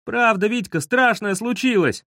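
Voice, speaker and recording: A man voicing a frightened schoolboy in an audiobook, crying out in high, panicky pleas. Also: very slow, darkish tone, no echo, studio quality, full character voice. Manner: high, panicky pleading cries. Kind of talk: audiobook reading.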